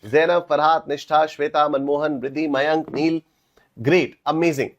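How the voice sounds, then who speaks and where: High-voiced, lively young male teacher. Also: normal speed, lo-fi sound. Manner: energetic, playful, teasing; mixes Hindi and English. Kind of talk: live online class.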